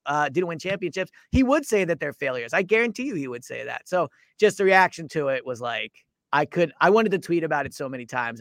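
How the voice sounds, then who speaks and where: A man co-hosting a sports podcast, launching into an animated rant with stammering restarts. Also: on the high side, no room sound, studio quality. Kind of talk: casual sports debate.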